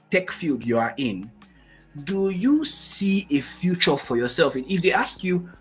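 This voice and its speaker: Energetic man on a video call. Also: fairly high pitch, breathy edge. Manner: energetic, repeats phrases for emphasis. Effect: heard over a video call. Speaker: guest speaker. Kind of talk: motivational webinar talk. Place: at home in Nigeria on a shaky connection.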